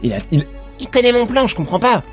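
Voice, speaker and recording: A man's voice: very high voice, big pitch swings, fast talker, a bit bright, soft background music, full character voice. A man voicing an exasperated anime fighter in a comic improvised dub, muttering slangy asides. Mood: sneaky, puzzled.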